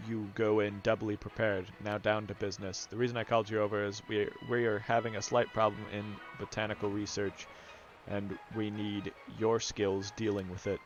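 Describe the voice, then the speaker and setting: A man's voice: on the low side, flat delivery, normal speed, few pauses, lo-fi sound, close to an everyday voice. A man voicing a polite male botanical researcher, reading the game text aloud in a courteous manner. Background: game music.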